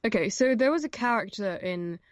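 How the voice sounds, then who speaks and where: A woman's voice: mid-range voice, lively intonation, brisk, no echo, clean studio sound. A young woman, an audiobook narrator, chatting casually as an interview guest, with many fillers and restarts. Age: young adult.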